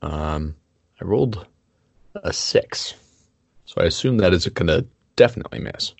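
A man's voice: low-pitched, animated, normal speed, gravelly, dry recording. A man taking part in a tabletop game as a player, casual and joking.

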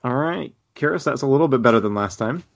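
A man's voice: mid-range voice, expressive, quick pace, vocal fry, muffled recording, background noise. Rambling man running a tabletop game. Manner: loose, rambling description full of "like" and "uh". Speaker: game master.

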